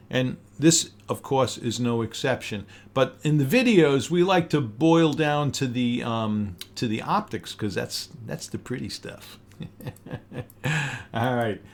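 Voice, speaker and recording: A man with a New York accent, a diamond dealer talking through a casual, unscripted review, chatty and chuckling often. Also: medium pitch. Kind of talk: casual product review vlog.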